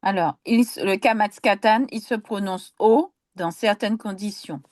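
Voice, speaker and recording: A woman student reading aloud in a lesson, slowly and carefully sounding out each word. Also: medium pitch, a little mellow, no echo, studio quality. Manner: slow, careful, sounding out words.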